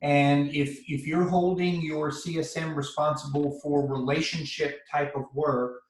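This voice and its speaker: A man's voice: a little high, flat delivery, measured pace. A man on a video call making his points emphatically and assertively. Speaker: participant. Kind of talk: casual video call discussion. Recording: roomy echo.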